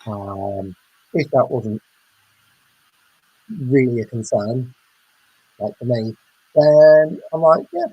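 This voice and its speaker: A man's voice: mid-range voice, very animated, takes it slowly, pauses often, breathy edge, dry recording. A man co-hosting a podcast in casual chat, rambling with fillers, his voice muffled and underwater-sounding from a bad internet connection. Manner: rambling, many fillers and restarts. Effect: muffled underwater-sounding audio from a bad internet connection. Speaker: podcast co-host. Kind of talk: casual chat reviewing a game. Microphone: remote call mic. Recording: garbled internet call audio.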